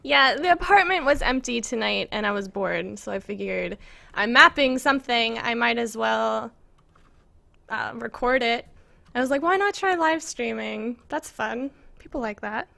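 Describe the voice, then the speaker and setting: Her voice is on the high side with lively intonation, gravelly yet bright and forceful, and she keeps a measured pace. This American woman, a live streamer who makes game maps, rambles casually to her viewers from an apartment computer, sounding self-conscious and giggly.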